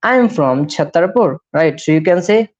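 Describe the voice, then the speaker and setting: Over slightly dull, lo-fi live stream sound, a young man with an Indian English accent leads a beginner English lesson. He explains each step and keeps asking "right?". His somewhat high, darkish voice moves at a moderate pace with lively intonation.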